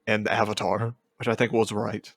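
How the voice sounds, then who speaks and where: A man's voice: lowish voice, level tone, fairly quick, crowd noise. A man co-hosting a casual animation podcast, laid-back, laughing often and rambling through asides. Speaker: podcast co-host. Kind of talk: casual chat.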